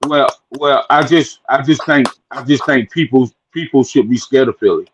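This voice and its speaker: A man's voice: medium pitch, normal speed, husky, low-quality recording. A man who is a guest on a casual sports chat, talking emphatically and repeating words as he builds his points.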